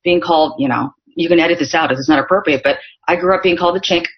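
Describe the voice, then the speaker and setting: Low-voiced middle-aged woman, chatty guest. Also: racing. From Northern California, US. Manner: chatty storytelling with frequent fillers. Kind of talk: casual interview conversation. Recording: dull lo-fi audio.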